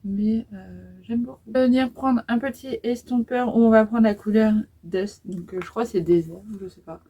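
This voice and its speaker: A woman's voice: fairly high pitch, normal speed, dark tone, muffled recording. A woman in her twenties talking through a makeup tutorial in a casual, hesitant way, with many fillers as she applies eyeshadow. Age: 20s. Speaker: beauty vlogger.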